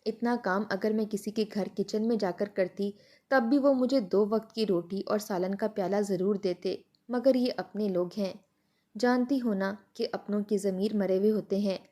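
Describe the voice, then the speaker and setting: A woman voicing a weary, grieving older mother who pleads and reproaches softly, mellow in tone. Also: mid-range voice, lightly acted. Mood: sorrowful. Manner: pleading, sorrowful.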